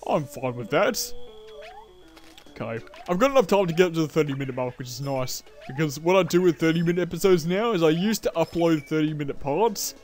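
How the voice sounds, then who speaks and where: Chatty, excitable young man. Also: on the high side. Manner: chatty, excitable, self-mocking, laughs often. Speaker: let's play host. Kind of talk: casual gameplay commentary.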